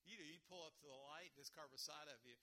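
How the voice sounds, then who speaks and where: Bright, high-voiced folksy preacher. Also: male voice, quick pace. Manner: folksy, repeats words, chuckles between points. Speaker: pastor. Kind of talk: sermon.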